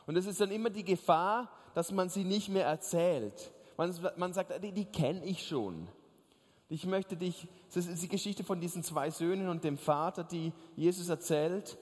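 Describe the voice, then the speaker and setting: A male preacher with a high voice delivers a lively sermon, turning to his listeners with asides and jokes. His voice rings out with a long echo, as in a large hall or church. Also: moderate pace, hardly any pauses. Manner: animated storytelling, addresses listeners directly with jokes.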